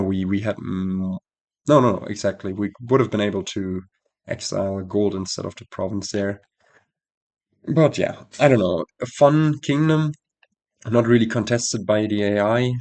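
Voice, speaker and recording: A man with a somewhat low, nasal voice talks through a card game he has just played. His commentary is relaxed and analytical, and he often stops to correct himself as he thinks aloud. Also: moderate pace, vocal fry. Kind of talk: casual gameplay commentary.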